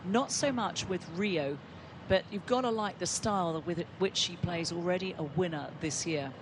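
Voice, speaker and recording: A man with a noticeably high voice works as a golf commentator, calling shots and players live. Distinct outdoor course noise runs behind him. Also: moderate pace. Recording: clear outdoor background noise.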